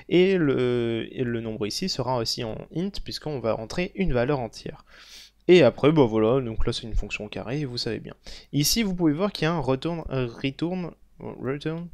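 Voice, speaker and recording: Halting young man explaining code. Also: mid-range voice, a little mellow, dry recording, clean studio sound. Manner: halting, many fillers and self-corrections. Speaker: programming tutor. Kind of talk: screen-recorded coding tutorial.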